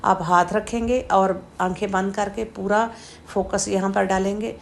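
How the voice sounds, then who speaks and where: A woman teaching Quranic letter pronunciation, explaining slowly and demonstrating throat sounds with repeated drawn-out syllables. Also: medium pitch, fairly even intonation, gravelly. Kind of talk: slow step-by-step pronunciation lesson.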